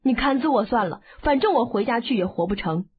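A woman's voice: fairly high pitch, lively intonation, fairly quick, breathy edge. A woman voicing a cheeky teenage boy who plays dumb, whining and pleading. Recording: phone-like narrow band.

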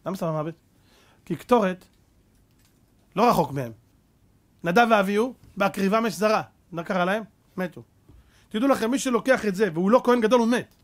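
A man's voice: high-pitched, long pauses. A man preaching a Torah sermon as a rabbi, fervent and full of rhetorical questions, mixing street slang with scripture.

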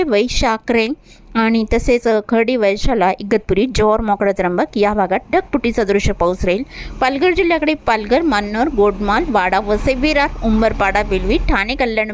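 A woman presenting a weather update, reading a regional rain forecast and rattling off long lists of place names. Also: a little high.

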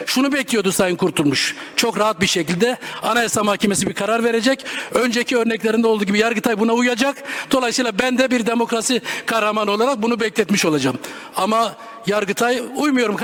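A man giving a combative parliamentary speech at a podium microphone, arguing point by point and telling interrupters to be quiet. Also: high-pitched, fast talker. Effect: speaking at a podium microphone. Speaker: member of parliament, group deputy chair.

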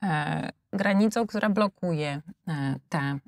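A woman's voice: sits low, takes it slowly, creaky, no echo. A woman in her forties with a Polish accent, a debate guest who speaks hesitantly with many fillers and restarts, on a lapel mic in a studio. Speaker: debate guest, international relations expert. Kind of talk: panel debate. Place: studio with blue backdrop.

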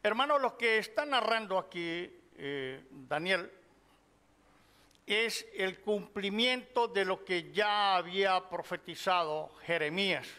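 A middle-aged man preaching a sermon, teaching from the Bible in a measured way and addressing the listeners as brothers. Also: sits high, lively intonation, bright, forceful tone. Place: church hall. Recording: long hall reverb.

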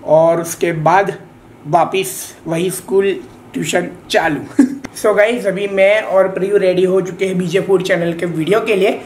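A man's voice: high-pitched, steady tone, measured pace, a little hiss or hum. A young man casually chatting to his viewers in a home vlog, playful and talkative. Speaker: vlogger.

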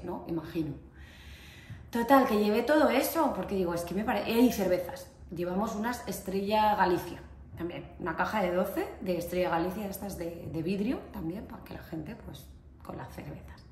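A woman with an accent from Spain, telling a story to camera in a chatty, animated way, full of fillers and asides. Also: medium pitch. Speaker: vlogger. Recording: echoey room with faint ambient noise.

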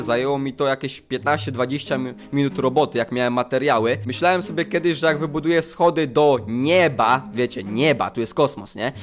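A man giving theatrical game commentary, self-pitying and talking straight to his viewers. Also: mid-range voice. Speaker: gaming video creator.

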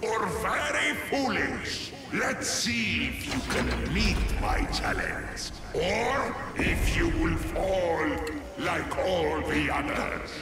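A menacing demonic guardian whose voice is layered into an unnatural chorus, slow and gravelly as it drags over each word. It sounds echoey and distant, as if it fills a cavern, and loud game music plays behind it. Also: male voice, on the high side, huge pitch swings, exaggerated voice. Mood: challenging. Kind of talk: video game character dialogue.

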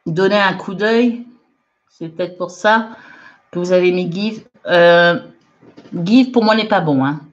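Slow-talking woman teaching English live. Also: on the low side. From France. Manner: unhurried, chatty, laughs often, mixes French and English. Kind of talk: live online lesson, reading viewer comments. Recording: dull lo-fi livestream audio.

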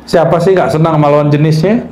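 A man's voice: fairly high pitch, fairly even intonation, fast talker, mellow. A man giving a religious lecture on mysticism to a live audience, joking and quizzing his listeners and reciting Arabic phrases. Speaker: Islamic mysticism teacher. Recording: echoey room with faint background noise.

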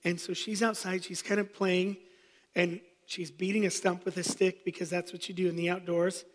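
A man's voice: high voice, little pitch movement, moderate pace, long reverb tail. A man in his thirties, a pastor preaching, telling a personal story with self-deprecating humor. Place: church sanctuary.

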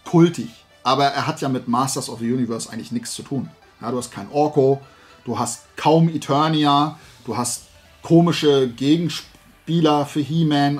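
A man in his forties hosts a casual show indoors at a desk in a small room at home, music playing behind him. With a fairly high-pitched voice, he airs his opinions in a lively, colloquial rant.

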